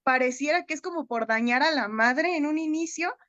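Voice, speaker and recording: A woman's voice: sits high, normal speed, a bit bright, no room sound, muffled recording. A woman, a psychotherapist, talking through a film in a discussion group, hesitant and often ending her points with a questioning tag. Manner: hesitant, frequent "¿no?" tags.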